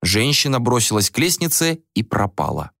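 A man narrating a fantasy novel as an audiobook, reading in an animated, expressive way. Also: medium pitch, normal speed, creaky, dry recording, clean studio sound.

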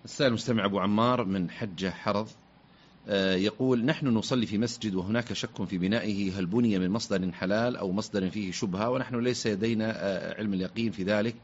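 Low-voiced, husky male presenter who reads letters very fast and formally, with a dull radio sound. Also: steady tone. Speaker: presenter reading listener questions. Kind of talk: reading letters on a radio show.

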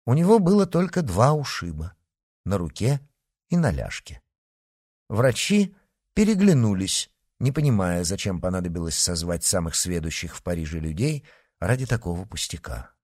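Expressive male narrator, animated swings in pitch, dry booth sound. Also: normal speed, husky, dry recording. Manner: expressive reading. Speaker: audiobook narrator. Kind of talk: scripted narration.

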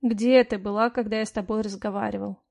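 A woman's voice: mid-range voice, steady tone, creaky, a little mellow, lightly acted. A woman reading an audiobook, voicing a tired, exasperated young husband who speaks wearily and firmly. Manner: weary, patient, firm, spoken through pauses. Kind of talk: first-person audiobook narration with dialogue.

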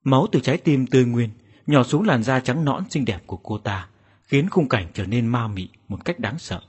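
A man's voice: mid-range voice, animated, normal speed, darkish tone, slightly rough. A man narrating a first-person horror story in a dramatic, suspenseful way. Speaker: audiobook narrator.

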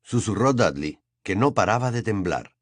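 Guy reading an audiobook, super lively up and down voice, dry close mic. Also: on the low side, normal speed, no room sound. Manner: expressive storytelling. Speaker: audiobook narrator. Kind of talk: scripted narration.

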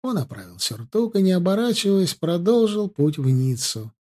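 A man narrating an audiobook story in a measured, dark storytelling manner. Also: high-pitched, big pitch swings. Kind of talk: scripted narration.

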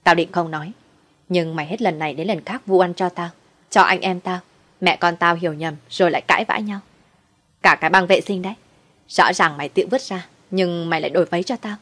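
A woman's voice: fairly low pitch, fairly quick, a bit bright. A woman voicing a bold young woman who harshly scolds her sister-in-law. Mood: scornful.

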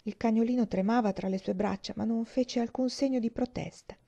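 Audiobook reader, woman; calm, even narration with a dark, relaxed tone. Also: fairly high pitch, brisk, vocal fry, dull audio. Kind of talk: scripted narration of a novel.

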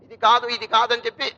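Bright-voiced male swami preaching. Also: very high-pitched, muffled recording. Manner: storytelling with rhetorical questions, chants verses. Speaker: swami giving religious discourse. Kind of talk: sermon.

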